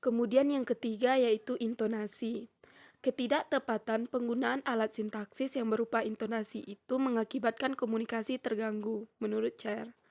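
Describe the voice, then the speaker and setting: A young woman student reading a prepared lecture in a steady, measured way, slowing down when she reads out example sentences. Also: a little high, creaky. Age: young adult. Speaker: student presenter.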